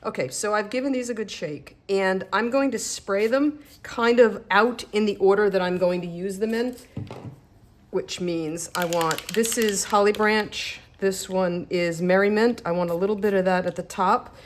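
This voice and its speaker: A woman's voice: mid-range voice, moderate pace. A woman demonstrating stamping techniques in a casual craft tutorial, chatting and joking about herself as she works. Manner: chatty, self-deprecating, talks while working.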